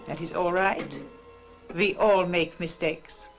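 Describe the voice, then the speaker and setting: A cold, curt housewife. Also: female voice, lowish voice, steady tone, slow pace, soft background music. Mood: guarded. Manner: curt, stiffly formal. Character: cold, guarded wife of a mysterious man. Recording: dull 1960s film soundtrack.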